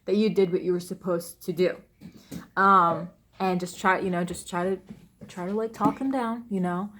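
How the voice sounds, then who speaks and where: A woman's voice: lowish voice, steady tone, normal speed, fairly bright tone, slight background noise. A young woman vlogger upset and rambling as she recounts a personal ordeal at home, full of restarts and fillers. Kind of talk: emotional personal storytelling.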